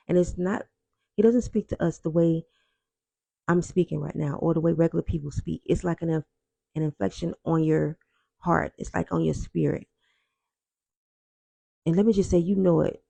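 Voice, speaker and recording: A man telling his personal testimony in an earnest, reflective way, often pausing and repeating himself. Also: a little high, dark tone, no echo. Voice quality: gravelly.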